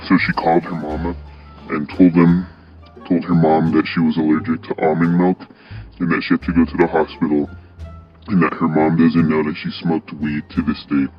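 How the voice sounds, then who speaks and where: Very deep, flat-voiced man narrating. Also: moderate pace. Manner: flat, plain reading with small stumbles. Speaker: countdown video host. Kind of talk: read countdown narration. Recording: dull lo-fi voice with music.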